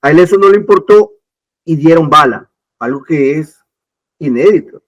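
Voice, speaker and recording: Speaking at a normal speed in a slightly high, animated voice, a political commentator from Ecuador forcefully lays out his views in a talk-show debate, repeatedly restarting and restating himself. There's no room sound, and the highs are cut off.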